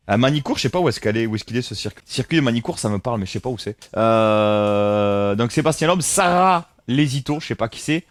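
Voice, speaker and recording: A man's voice: high-pitched, dry recording. A man chatting casually on a live stream, rambling and reading chat messages aloud. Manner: rambling, reads chat aloud, frequent fillers.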